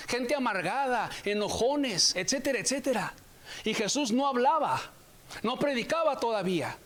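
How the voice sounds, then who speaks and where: High-voiced man preaching emphatically. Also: fairly bright tone. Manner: emphatic and repetitive, stretching key phrases slowly. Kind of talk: sermon.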